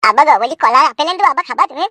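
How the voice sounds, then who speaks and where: A fiery young village man voiced by a woman in a comic cartoon. He rattles off crude, swearing rants at breakneck speed. The voice is bright and high for a man. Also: lively intonation, racing, no echo. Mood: pleading. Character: hot-headed young village man vowing revenge.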